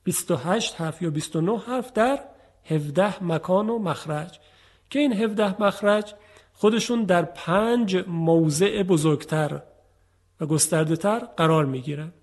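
A man with a fairly high, husky voice gives a radio lesson on Quran recitation. He explains patiently, step by step, and often turns to his listeners with questions.

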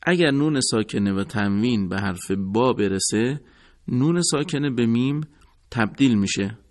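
A man teaching Quran recitation rules in a measured, formal way, repeating each rule. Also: on the low side. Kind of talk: recorded tajwid lesson.

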